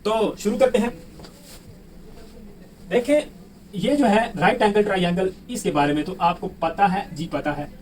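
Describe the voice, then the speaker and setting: Pakistani male math tutor, high voice, quizzes and answers himself, mic far off. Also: measured pace, pauses often. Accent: Pakistani Urdu. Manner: asks the class questions and answers them himself. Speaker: math teacher. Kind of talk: whiteboard math lesson. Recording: distant mic with faint room noise.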